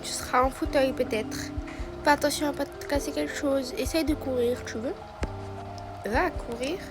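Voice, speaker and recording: A woman's voice: sits high, normal speed. A woman narrating a role-play in a casual, chatty way, with music playing behind.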